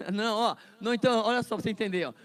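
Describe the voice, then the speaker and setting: A man's voice: high-pitched, rapid-fire, fairly bright tone. A man teaching a Bible study lesson in a chatty way, laughing often and repeating words.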